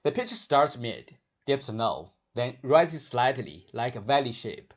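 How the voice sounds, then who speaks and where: Measured male Mandarin pronunciation teacher. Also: mid-range voice, very animated. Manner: measured, modeling sounds slowly and clearly. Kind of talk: scripted pronunciation lesson.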